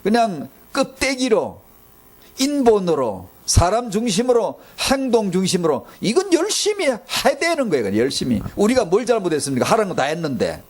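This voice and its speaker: Animated high-voiced male preacher. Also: moderate pace. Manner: rhetorical questions, repetitive emphatic preaching; banters with the congregation. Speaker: pastor. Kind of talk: sermon.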